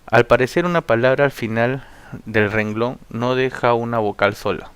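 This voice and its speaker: A man teaches a spelling lesson, reading rules from notes and slowly dictating example words one by one. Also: medium pitch, a bit bright, no room sound. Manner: slow, word-by-word dictation of examples with occasional throat clearing.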